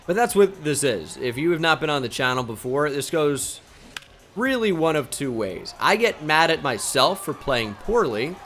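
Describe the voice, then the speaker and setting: A young man giving live commentary on a baseball video game, quickly flipping between frustration and joking at himself. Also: medium pitch. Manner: excitable, swings between frustration and self-mockery. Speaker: gaming channel host.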